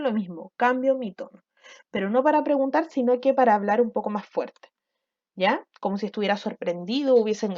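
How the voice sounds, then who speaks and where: A woman's voice: fairly high pitch, darkish tone, lo-fi sound. Patient woman teaching young kids. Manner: patient, explains step by step, keeps checking with "¿ya?". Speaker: primary school language teacher. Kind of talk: recorded online class for children.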